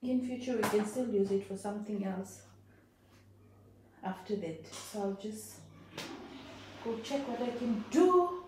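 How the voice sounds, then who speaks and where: Speaking in a mid-range, expressive voice, this Namibian woman takes her time, leaving long pauses while background noise carries on. She's assembling a rack and tidying her tiled home bathroom, rambling casually to her vlog audience. Her voice sounds distant against heavy echo.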